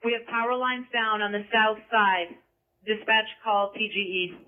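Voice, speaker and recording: Male incident commander, high-pitched, urgent and procedural firefighter radio calls through a thin scanner channel. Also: steady tone, normal speed. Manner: clipped, procedural. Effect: two-way radio. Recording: tinny, narrow-band radio scanner feed.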